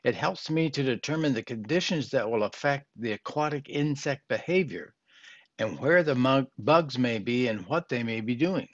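An older man teaching fly fishing at home narrates his instructions in an animated, medium-pitched voice at normal speed, from a small room lined with shelves. His manner is plain and earnest, with occasional fillers and restarts.

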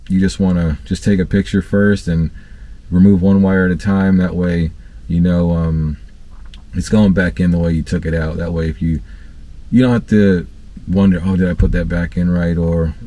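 Sitting in the cab of his parked van, an HVAC technician in his thirties who hosts his own channel shares work tips to camera. His voice is very low and mellow, and his delivery is loose and conversational, with plenty of ums and restarted sentences.

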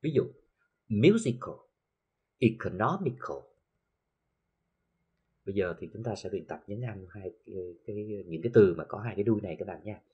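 A man with a Southern Vietnamese accent teaching an English lesson, explaining slowly with many filler sounds and reading English examples carefully. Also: sits low, slightly rough, dull audio. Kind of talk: recorded classroom lesson for TV.

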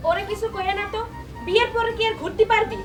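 A sharp-tongued village mother. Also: very high-pitched, steady tone, fast. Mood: insistent. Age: older. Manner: scolding, insistent. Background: music.

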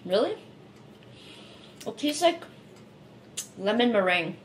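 A woman's voice: on the high side, sing-song, slow pace, reverberant, a little hiss or hum. A woman vlogger chatting casually through a mouthful of food during a taste test. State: mouth full. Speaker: vlogger taste-testing cookies.

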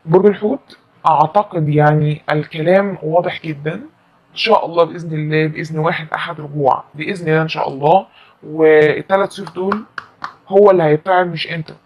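A woman's voice: low voice, steady tone, fast talker, dull audio. A woman with an Egyptian Arabic accent giving a chatty, emphatic tarot reading to camera and repeating her phrases. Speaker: tarot reader.

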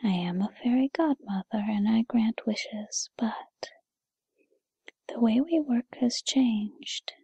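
A woman playing a gentle, patient fairy godmother in a whispered role-play, with a breathy whisper and a soothing, encouraging manner. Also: on the high side, no room sound, exaggerated voice. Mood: gentle, reassuring. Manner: soothing, encouraging, unhurried second-person address.

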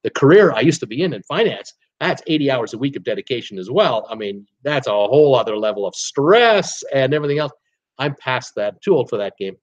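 Speaking fairly quickly in a mid-range voice, with the highs cut off, a sixty-something cruise travel YouTuber chats on a webcam livestream while reading viewer comments. He rambles, says "uh" a lot and gestures animatedly, sitting indoors in a home office with shelves of cruise mugs.

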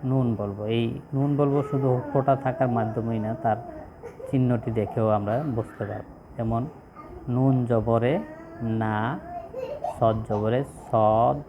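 Flat-voiced man teaching letter by letter. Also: mid-range voice, phone-quality sound, a little hiss or hum. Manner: slow, repetitive, asks questions and answers them. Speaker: Arabic reading teacher. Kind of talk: step-by-step lesson.

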